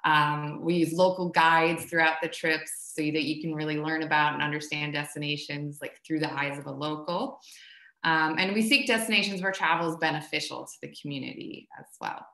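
A woman's voice: deep voice, steady tone, brisk, bright, forceful tone. Chatty woman host on an echoey call. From United States. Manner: friendly, chatty, many fillers. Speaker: travel company co-owner hosting a webinar. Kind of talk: casual webinar presentation. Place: home room, video call. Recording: echoey room.

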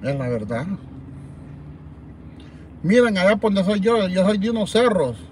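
A Salvadoran man hosts a nighttime livestream from his parked car, rambling animatedly to viewers and reading their comments aloud in Salvadoran Spanish. His high voice is sing-song, unhurried and a little mellow, with slight background noise.

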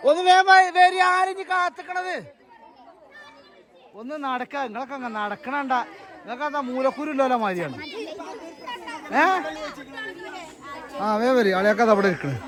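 A man with a Malappuram Malayalam accent, vlogging outdoors at a family gathering and loudly ordering and teasing his relatives. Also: extremely high pitch, expressive, normal speed, pauses often. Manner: loud, bossy and teasing, calling out orders. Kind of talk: casual vlog, herding relatives. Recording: busy crowd noise behind.

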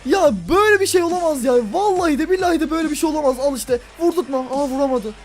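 A young man commentating his own football video game match, swinging from low grumbling to loud exasperated outbursts. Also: very fast, faint music behind. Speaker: gaming YouTuber.

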